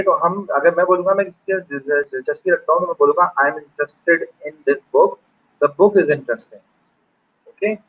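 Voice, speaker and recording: Male teacher, husky and fairly high voice, dull lo-fi call audio. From Pakistan. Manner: explains in Hindi-Urdu, reads English examples slowly. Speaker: English teacher. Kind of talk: online grammar lecture. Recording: dull lo-fi online class audio.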